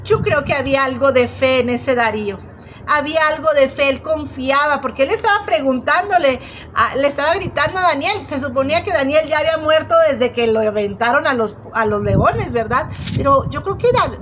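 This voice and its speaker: A woman preaches a sermon in a high voice. She retells the story and speaks straight to her listeners. She often stops and restarts her phrases, and a faint hiss sits under her voice. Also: fairly bright tone, rough recording. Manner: storytelling, addresses listeners directly, frequent restarts.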